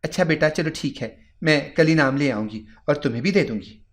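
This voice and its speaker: A man's voice: a little high, lively intonation, lightly acted. A man voicing a secretive middle-aged mother in a story, who swings between scolding and soothing. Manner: anxious and scolding.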